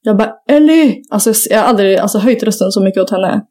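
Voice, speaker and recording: A woman's voice: mid-range voice, little pitch movement, a little mellow. A young woman in casual chat, telling a rambling story full of fillers and casual swearing. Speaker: podcast co-host.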